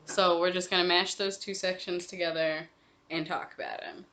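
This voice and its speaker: A young woman with a somewhat low voice talks casually about her stitching projects. She rambles, stops to correct herself and fills the pauses with ums. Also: level tone, fairly bright tone. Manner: chatty, rambling, many ums and self-corrections. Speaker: cross-stitch vlogger. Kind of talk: casual chat.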